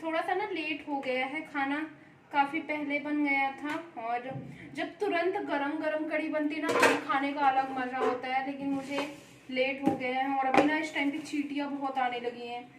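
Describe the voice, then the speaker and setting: A young woman with a high, light voice chats to camera at home in a loose, meandering, homely way. A faint hum of noise sits behind her. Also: fairly even intonation, normal speed, roomy sound, rough recording. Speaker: vlogger. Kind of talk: casual chat to camera. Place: indoors at home.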